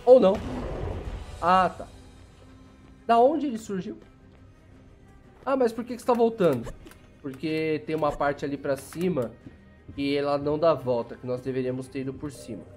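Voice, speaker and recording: A young Brazilian man with a slightly high voice narrates his gameplay in a chatty, running commentary. He talks straight to his viewers and bursts into sudden excited yelps. Faint game music plays underneath. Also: moderate pace, pauses often. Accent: Brazilian Portuguese. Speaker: gameplay channel host. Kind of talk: let's play commentary.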